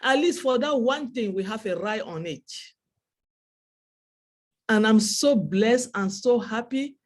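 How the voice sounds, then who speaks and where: Slow and expressive, a slightly high-voiced woman from Cameroon speaks to an online webinar audience with real feeling. Her first language is French, her accent Cameroonian French, and she repeats phrases for emphasis.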